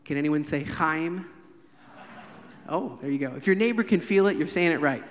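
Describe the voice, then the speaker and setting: A man's voice: on the high side, normal speed. A man from the United States preaching a sermon at a live church service, telling stories and acting out the people he quotes. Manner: animated, acts out quoted voices and jokes with the congregation. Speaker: guest preacher. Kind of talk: sermon with storytelling. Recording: long hall reverb in church.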